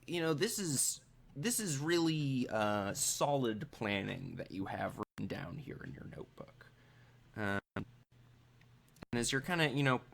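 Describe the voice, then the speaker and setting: Running a tabletop role-playing game, a male game master improvises scene descriptions in a casual, hesitant, explanatory manner. His voice is medium in pitch, gravelly, and slightly bright.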